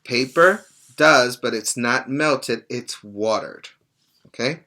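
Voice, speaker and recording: A middle-aged preschool teacher with a bright, forceful, mid-range voice reads aloud slowly to young children in a small indoor room at home. He is deliberate and didactic, giving plain explanations and pausing to explain and check understanding, as if making each point clear to a small child.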